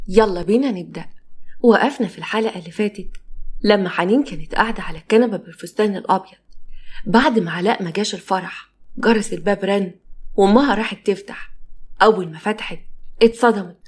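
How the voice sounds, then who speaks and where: A woman with an Egyptian accent narrating a serialized drama story in a brisk, even storytelling manner. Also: mid-range voice, slightly rough.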